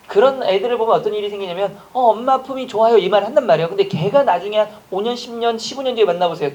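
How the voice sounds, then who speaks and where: A man in his forties teaching an exam-prep grammar lecture, chatty, asking rhetorical questions and acting out short dialogues. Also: high voice.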